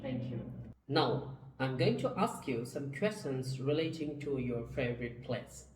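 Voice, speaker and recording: Low, slow-speaking woman as test examiner, formal; recorded from a distance in an echoey room. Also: lively intonation, background noise. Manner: formal, measured questioning. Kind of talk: scripted exam questions. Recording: echoey room, far from the mic.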